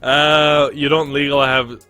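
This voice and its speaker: Bright-voiced man streaming a game. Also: medium pitch, little pitch movement, a little slow, clean tone, soft background music. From Sweden. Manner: casual, swearing, rambling with restarts. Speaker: gaming streamer. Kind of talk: let's play commentary, reading game text aloud.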